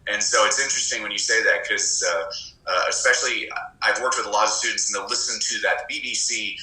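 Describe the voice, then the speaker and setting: A man being interviewed, a former English teacher who tells lively anecdotes and slips into voices he mimics. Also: fairly low pitch, a little fast, reverberant, low-quality recording. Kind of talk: conversational interview storytelling.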